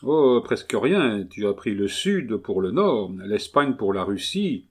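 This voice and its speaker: A man reading a calm, wry old count. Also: lowish voice, slow pace, exaggerated voice. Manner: calm and dry.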